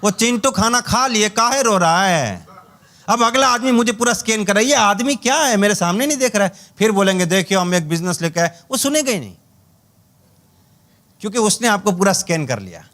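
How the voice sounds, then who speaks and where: A man's voice: high voice, animated, a little fast, fairly bright tone. A man leads a network marketing training session. He tells stories, acts out the dialogue, and chuckles through a light, humorous talk. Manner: storytelling with acted-out dialogue and chuckles.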